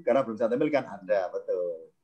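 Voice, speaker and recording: A man's voice: on the low side, lively intonation, quick pace, slightly rough, highs cut off. A man teaching an online grammar class, explaining patiently, repeating key terms and quizzing his students.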